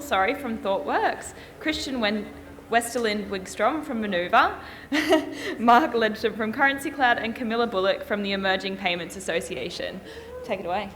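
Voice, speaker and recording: Female emcee, higher voice, light and chatty, in a reverberant hall. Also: fairly bright tone. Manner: light and chatty, with stumbles on names. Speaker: event emcee. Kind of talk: stage introduction. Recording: echoey hall with long reverb.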